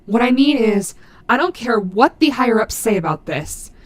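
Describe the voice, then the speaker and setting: A woman voicing a gruff but maternal animatronic wolf in an audio roleplay, fiercely protective, with halting, earnest, emphatic delivery. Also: fairly high pitch, lively intonation, natural voice. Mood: protective, tender. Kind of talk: dramatic audio roleplay addressed to the listener.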